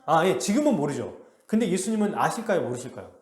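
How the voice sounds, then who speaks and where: A male pastor preaching a sermon with animated delivery, acting out the quotes he reads. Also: a little high, fast talker, echoey room. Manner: animated, acts out quotes in a lively voice. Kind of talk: expository sermon. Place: church sanctuary.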